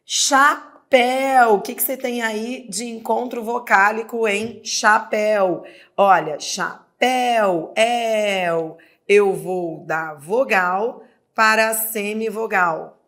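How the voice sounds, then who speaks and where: A woman teacher with a Brazilian Portuguese accent gives an exam prep lesson, sounding out words syllable by syllable. Her medium-pitched voice is fairly bright and slow.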